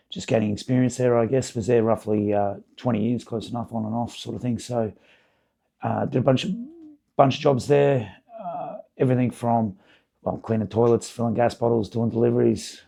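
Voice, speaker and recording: A middle-aged man with a hoarse, croaky voice, talking casually as a podcast guest, with many fillers and restarts. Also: medium pitch, dark tone. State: hoarse, voice partly gone. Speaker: podcast guest, basketball facility owner. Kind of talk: casual interview chat.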